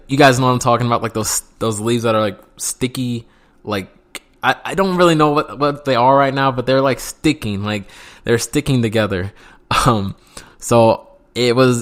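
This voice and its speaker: A young man tells a story from his past in a loose, rambling way, filling gaps with "um" and "like." He swears freely and sounds unscripted. His voice sits at an ordinary middle pitch. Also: steady tone, moderate pace. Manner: rambling, heavy swearing and fillers. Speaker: vlogger. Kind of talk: casual storytime.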